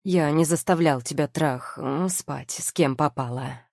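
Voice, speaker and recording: A woman's voice: sits low, measured pace, vocal fry, a little mellow, no echo, clean studio sound, exaggerated voice. A woman reading the lines of a scheming, mocking male nobleman in an audiobook, in a coolly sneering, self-justifying manner.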